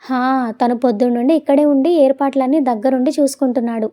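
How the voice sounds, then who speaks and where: A woman voicing a busy middle-aged mother who talks in a brisk, practical way on a phone call in an audio story. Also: high voice, fairly even intonation, warm tone, close to an everyday voice.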